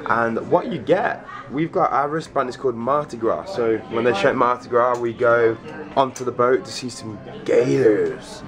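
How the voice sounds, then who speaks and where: A man's voice: mid-range voice, normal speed. A man chatting upbeat and jokey as a travel vlogger, filming outdoors on a tour. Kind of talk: casual vlog narration. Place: outdoors, at a swamp tour site and on a boat. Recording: outdoor video with crowd noise. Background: crowd chatter.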